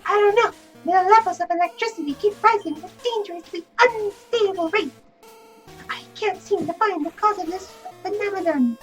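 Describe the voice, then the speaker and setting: A woman's voice: very high-pitched, normal speed. A woman voicing a fretful, exasperated power plant worker in a video game, with dramatic delivery. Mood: worried. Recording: distant mic, music underneath.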